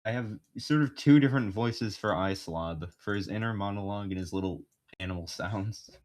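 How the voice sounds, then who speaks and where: A woman's voice: rumbling low, moderate pace. A woman co-hosting a webcomic reading, chatty and giving her partner tips on voices. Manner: chatty, lively, offers voice notes to co-host. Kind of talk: casual chat and comic reading.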